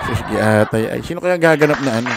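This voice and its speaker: A man's voice: medium pitch, animated, quick pace, vocal fry, heavy background noise. A man giving casual political commentary, rambling and forgetful, laughing often and tossing in salty asides. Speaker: online commentator.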